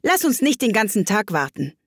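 A woman voicing an impatient, bossy male griffin in a storybook reading, talking loudly and brusquely. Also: mid-range voice, very animated, normal speed, husky, dry recording, studio quality, voice pushed up. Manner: loud, brusque and scolding.

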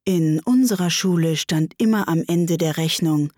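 A woman voicing a melancholy mock turtle in a storybook reading, speaking slowly with sighs. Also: low voice, darkish tone, no echo, clean studio sound. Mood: mournful. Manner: slow, sighing and plaintive. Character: melancholy sighing mock turtle, slow and mournful.

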